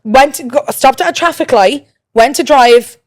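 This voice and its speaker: Animated Irish woman telling a story. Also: sits high, moderate pace. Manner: animated storyteller, acts out voices. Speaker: podcast guest. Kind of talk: casual chat.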